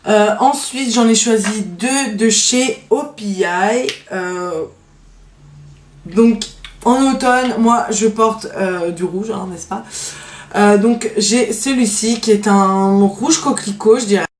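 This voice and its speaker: A beauty vlogger shows off her favorite nail polishes in a casual show-and-tell, her medium-pitched voice slow and echoing around the room. She hesitates a lot, piling on fillers and trailing "donc voilà," yet sounds genuinely enthusiastic about her picks.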